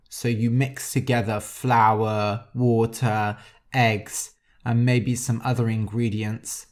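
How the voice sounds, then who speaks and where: A man hosting a podcast and teaching vocabulary for learners in a slow, deliberate way, spelling out words letter by letter. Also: medium pitch, a little mellow. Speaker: podcast host. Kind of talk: scripted vocabulary lesson for learners.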